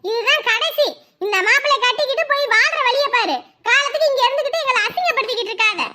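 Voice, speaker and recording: A shrill, bright-toned mother scolds without letup. She nags, makes threats and fires rhetorical questions at her grown daughter in a family web drama. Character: scolding middle-aged village mother, stern.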